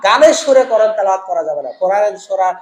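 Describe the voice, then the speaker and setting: Fast, high-voiced man teaching recitation. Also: lively intonation, echoey room. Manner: explains rules, demonstrates recitation examples. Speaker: Quran teacher. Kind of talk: online religious lesson.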